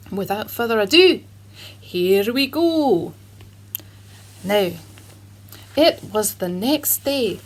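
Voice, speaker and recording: A woman putting on a cheerful Scottish man who tells Bible stories to children. His voice is husky and sits fairly high, and his narration is earnest and dramatic. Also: exaggerated voice, low-quality recording. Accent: Scottish (put on).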